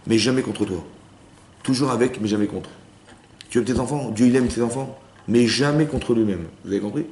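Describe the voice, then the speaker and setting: A male rabbi with a medium-pitched, darkish voice teaches briskly, giving a spoken Torah lesson to a class of women. He peppers his talk with Hebrew terms and keeps asking whether listeners follow, and the lecture room recording is roomy with faint background noise.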